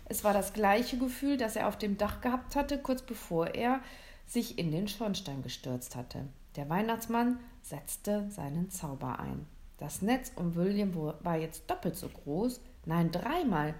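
Woman narrating a lively children's audiobook. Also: medium pitch, measured pace. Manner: lively expressive storytelling.

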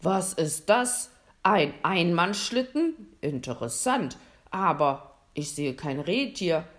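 Loud jolly Santa Claus, booming and excitable, a woman doing a storybook voice. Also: slow. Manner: loud, playful, theatrical.

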